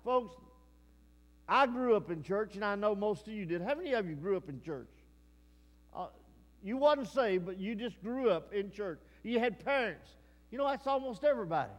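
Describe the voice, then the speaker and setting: A pastor from Texas, with a high-sitting, animated voice at a moderate pace, preaches a folksy, conversational sermon in a large hall. He often turns to the congregation with questions.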